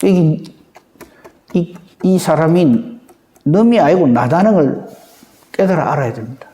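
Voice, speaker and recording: A man's voice: fairly high pitch, lively intonation, measured pace, dark tone. A male pastor preaching a dawn sermon conversationally, often checking for agreement from the congregation. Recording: reverberant church hall.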